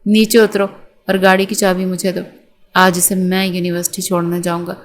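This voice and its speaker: A woman's voice: lowish voice, flat delivery, natural voice. A woman reading a harsh, domineering young husband. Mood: angry. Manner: harsh, commanding. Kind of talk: audiobook character reading.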